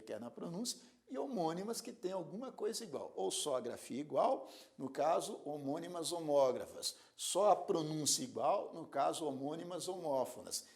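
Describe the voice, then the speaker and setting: Male teacher, didactic, gravelly voice with animated pitch. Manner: didactic, spells out words and gives examples. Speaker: Portuguese teacher. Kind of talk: recorded grammar lesson.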